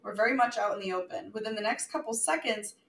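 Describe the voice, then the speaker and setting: A woman co-hosting a podcast, telling an animated story in casual chat and acting out quotes. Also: mid-range voice, fast talker, roomy sound, far from the mic, a little hiss or hum, low-quality recording. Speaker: podcast co-host.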